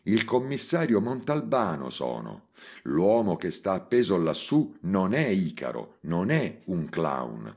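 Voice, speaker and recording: A man's voice: sits low, expressive, moderate pace, a little mellow, husky. A man voicing a brusque, urgent middle-aged police inspector. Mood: commanding.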